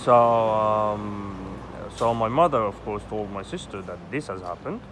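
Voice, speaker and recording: An Egyptian man in his thirties rants in a rambling personal vlog, agitated and swearing often, with heavy "you know" fillers. His fairly low voice is unhurried, and loud street traffic roars outdoors around him.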